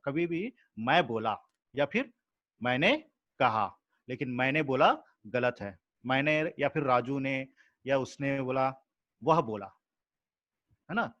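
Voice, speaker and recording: A man's voice: medium pitch, a bit bright, no echo, dull audio. A male teacher giving a grammar lesson to a class, explaining patiently, repeating examples and checking that students follow.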